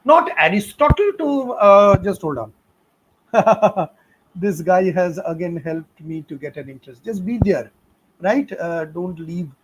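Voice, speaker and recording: Against a noisy background, a middle-aged Indian physics teacher speaks in a high, expressive voice at a measured pace. Responding to students on a live stream, he's chatty and encouraging, full of fillers and laughter, with a fatherly advice-giving manner.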